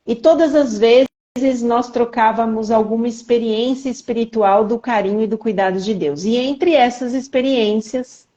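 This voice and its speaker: A woman's voice: on the high side, a little mellow, lo-fi sound. A woman hosting a live faith podcast, introducing her guest in an earnest, emotional and talkative way. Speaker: podcast host.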